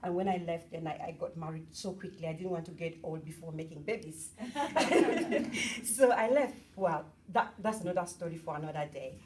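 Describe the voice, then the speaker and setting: A bubbly middle-aged woman from Cameroon giving a lively talk at an event and chatting with the audience. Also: lowish voice, normal speed, few pauses, distant mic, background noise. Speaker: motivational speaker.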